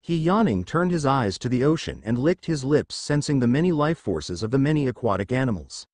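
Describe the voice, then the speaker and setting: A man narrating fan fiction in a lively storytelling read. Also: medium pitch, brisk, no echo.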